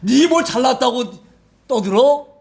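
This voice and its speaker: A man voicing a condemned male convict who bluntly scolds another, shouting commands. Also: extremely high pitch, expressive, a little slow, vocal fry, voice pushed up, exaggerated voice. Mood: angry rebuke. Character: repentant male convict rebuking another, gruff.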